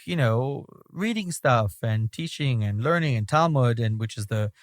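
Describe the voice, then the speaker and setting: This podcast guest, a rabbi from Belgium with a Belgian accent, rambles reflectively through a conversational interview and keeps checking in with "right?". His mid-range voice has lively intonation and a moderate pace, and the recording is dry, clean studio sound.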